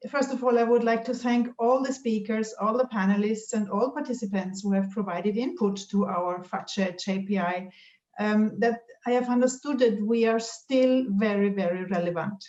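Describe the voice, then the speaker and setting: A woman's voice: medium pitch, fairly even intonation, a little mellow, lo-fi sound. Woman giving closing remarks in an echoey room. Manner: measured, with frequent fillers. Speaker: governing board chair. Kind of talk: concluding remarks at an online conference.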